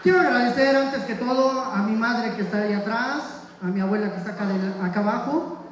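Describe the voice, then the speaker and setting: A man's voice: high-pitched, fairly quick, recorded from a distance, slight background noise. A man with a Mexican accent performing a stand-up comedy set, bantering crudely with a live audience. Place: live stage in a hall with audience. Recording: echoey hall, mic heard from afar.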